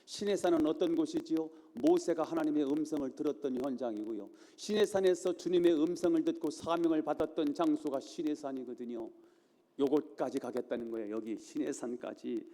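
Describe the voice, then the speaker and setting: Male pastor, sermon delivery, emphatic and repetitive, fairly high pitch, long church-hall reverb. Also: brisk, mellow. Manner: emphatic preaching with repeated phrases and rhetorical questions. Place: church sanctuary.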